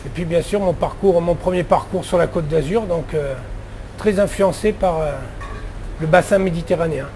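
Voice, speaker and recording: A middle-aged head chef with a fairly high, dark-toned voice chats casually about his job at a moderate pace. His answers come in loose, talkative sentences packed with fillers and restarts, and faint noise sits in the background.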